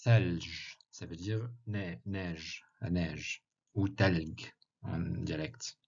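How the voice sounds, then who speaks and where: A man with a very low voice talks slowly through a slide lesson, pausing often with filler sounds as he explains each letter. The recording is dull and lo-fi, as if made on a basic computer microphone. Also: steady tone, vocal fry, breathy edge. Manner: slow, hesitant, many filler sounds. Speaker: Arabic teacher.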